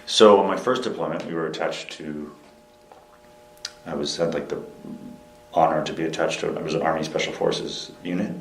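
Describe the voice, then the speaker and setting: A young man, a military veteran, speaking in a candid interview, earnest and reflective, with frequent halting restarts and fillers. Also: extremely low pitch, fairly even intonation, vocal fry, roomy sound, soft background music, rough recording. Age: young adult.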